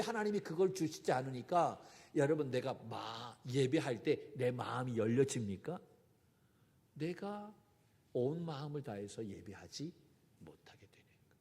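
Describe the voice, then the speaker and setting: A man's voice: sits high, darkish tone. A man preaching a Sunday sermon as a pastor, with emphatic direct appeals to his congregation. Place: church sanctuary. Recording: long hall reverb in a church.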